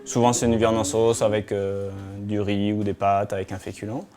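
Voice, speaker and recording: A man's voice: on the low side, moderate pace, faint music behind. A man who keeps a mountain hut, speaking casually in an interview with many small hesitations. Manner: relaxed, hesitant with frequent fillers.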